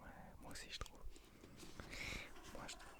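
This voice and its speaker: Young man, late twenties, ASMR library whisper, whispered role-play, hesitant, intimate, close to the mic. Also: unhurried. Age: late 20s. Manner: soft unvoiced whispering; hesitant, self-deprecating, intimate address to the listener. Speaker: ASMR creator and host.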